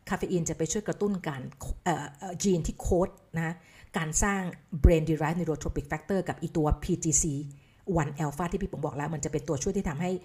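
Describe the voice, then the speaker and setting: Woman, health educator, casual spoken lecture, chatty, lowish pitch, mellow tone, technical terms, asks listeners questions. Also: moderate pace. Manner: chatty explaining, sprinkles English science terms; asks listeners rhetorical checks.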